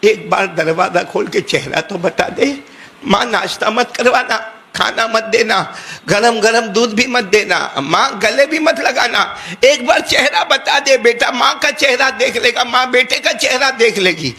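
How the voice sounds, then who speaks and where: Tearful young boy begging for his mother, high and bright, with some grit, as a preacher puts him on. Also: a little hiss or hum, full character voice. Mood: pleading. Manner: pleading, tearful.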